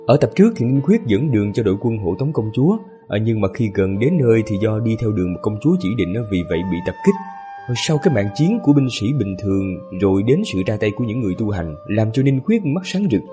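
A man with a hoarse voice narrating a serialized story as the channel host, in a relaxed, chatty way. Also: mid-range voice. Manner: relaxed, chatty asides with fillers.

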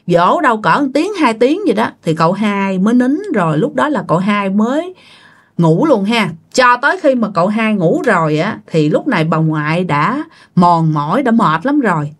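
A woman's voice: mid-range voice, very animated, normal speed. A woman with a Southern Vietnamese accent telling a ghost story casually, talking straight to her listeners. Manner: chatty, addressing listeners directly.

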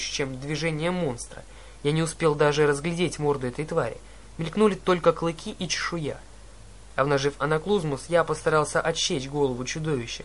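A man narrates a first-person adventure novel aloud. His delivery is dramatic and animated, and his voice sits a touch high for a man. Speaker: audiobook narrator.

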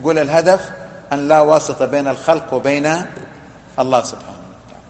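A man's voice: a little high, fast, a little mellow. A man teaching a religious lesson, explaining a text with emphatic, repeated phrases and long lists. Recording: echoey hall.

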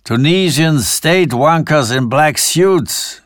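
A man's voice: medium pitch, lively intonation, a little slow, dry recording, studio quality, lightly acted. A man playing a cackling, scornful English banker. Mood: mocking.

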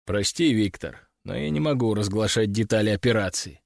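Gruff male security boss, terse and low, played by the male narrator, dry close recording. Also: lively intonation, moderate pace, no echo. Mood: curt.

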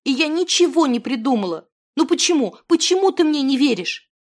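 Woman voicing a timid young woman, high voice, earnest, pleading. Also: very animated, brisk.

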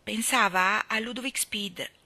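A woman reading a novel aloud as an audiobook narrator, telling the story in a measured, clear way. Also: mid-range voice, sharp tone, no echo. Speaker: audiobook reader.

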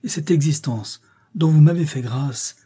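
A man's voice: on the high side, unhurried, dark tone, slightly rough, voice pushed up. A man reading aloud voices a desperate European mother who pleads with a sultan for her children's lives, crying out with great passion. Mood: pleading.

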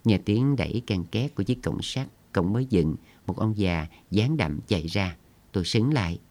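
A man reading a story aloud in a steady, measured narration. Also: fairly low pitch. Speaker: audiobook narrator.

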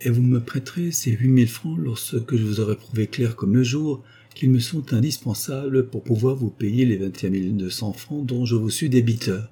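A man voicing an old indebted baron who speaks calmly and suavely, with irony, in an audiobook. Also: mid-range voice, normal speed, few pauses, slightly rough, close to an everyday voice. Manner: calm, suave, ironic. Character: old smooth-talking indebted male baron.

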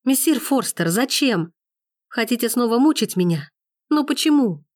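A woman's voice: a little high, lively intonation, normal speed, no echo, studio quality, pitched above the performer's own voice. Woman putting on a distraught young woman. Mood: furious. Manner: impassioned, rising, near tears. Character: young woman, furious, hurt and pleading.

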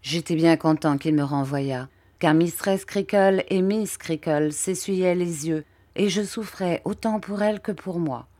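A woman reading a classic novel aloud as an audiobook narrator, in a clear, even storytelling manner. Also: on the low side, a little slow, dry recording. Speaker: audiobook reader.

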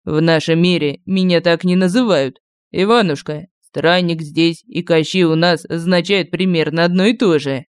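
A commanding, sly immortal sorcerer, voiced by a woman who barks his lines low and hard in an audiobook. The tone is smooth and resonant. The recording is dry and close. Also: moderate pace, no room sound, close to an everyday voice. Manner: barking, low and forceful.

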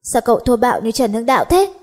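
A woman voicing a sharp-tongued teenage schoolgirl who snaps and teases. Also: a little high, big pitch swings, quick pace. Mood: teasing.

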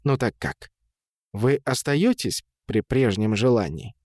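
Man voicing a creaky, mocking old witch. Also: mid-range voice, expressive, takes it slowly, darkish tone, dry recording, clean studio sound. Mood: somber. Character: old female witch, scornful and knowing.

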